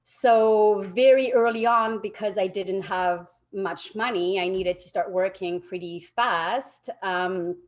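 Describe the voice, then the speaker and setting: A middle-aged woman with a French accent talks through her story as an interview guest. She recounts events with energy, often acting out what others told her, at an everyday mid-range pitch. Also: slow pace, few pauses. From France. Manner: lively storytelling, quotes others animatedly. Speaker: guest, realtor. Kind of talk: casual interview.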